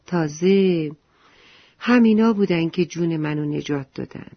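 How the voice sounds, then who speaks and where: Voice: medium pitch, no room sound, close to an everyday voice. A storyteller voicing a proud, stubborn little poppy flower in a children's story. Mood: reflective. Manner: insistent, fast and raised. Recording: dull lo-fi recording with faint music.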